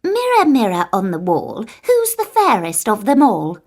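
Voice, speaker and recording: A woman's voice: mid-range voice, huge pitch swings, measured pace. A woman voicing a vain, imperious wicked queen in a children's storybook tale, with a commanding, haughty manner.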